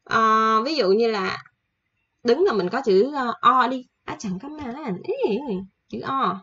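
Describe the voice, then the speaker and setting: A woman teaching a casual online language lesson, chatty and repeating each example slowly with fillers. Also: fairly high pitch, animated, bright, forceful tone, husky, muffled recording.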